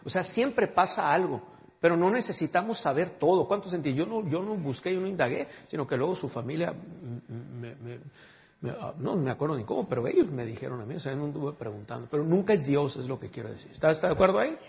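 A man's voice: on the high side, expressive, quick pace, gravelly. Man preaching in an echoey hall. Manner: emphatic preaching with call-and-response asides. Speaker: pastor. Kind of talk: sermon. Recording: dull audio with long hall reverb.

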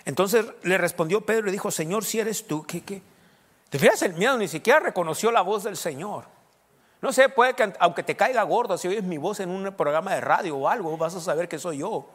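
A man's voice: high-pitched, a little fast, husky, big-room sound. A man preaching a sermon in a conversational way, often quizzing his listeners with questions.

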